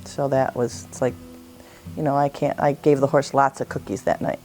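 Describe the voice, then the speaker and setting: Brief: earnest woman therapist, low mellow voice, soft guitar underneath. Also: fairly even intonation, normal speed. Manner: earnest, reflective, storytelling with quoted dialogue. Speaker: equine therapist. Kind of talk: explanatory interview talk.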